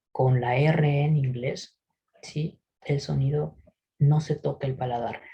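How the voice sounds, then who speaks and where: A man teaching English pronunciation in a recorded lesson, patiently explaining and often checking in with a quick "¿sí?". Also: a little high, creaky, dark tone, slightly rough, muffled recording. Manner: models English words slowly for repetition.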